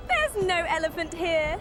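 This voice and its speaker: An actress playing a tipsy, heartbroken young student with slurred drunken speech in an audio drama. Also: female voice, high voice. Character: tipsy heartbroken young woman student, drowning betrayal in butterbeer.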